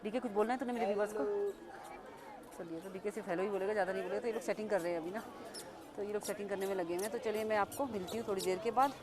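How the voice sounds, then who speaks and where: Brief: Indian woman vlogger, rapid casual narration, repeats herself, phone mic, crowded outdoor market behind. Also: medium pitch. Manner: chatty, repeats herself, points things out to viewers. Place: outdoors in a busy market street. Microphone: phone camera without external mic. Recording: crowded outdoor street noise. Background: crowd and passing vehicles.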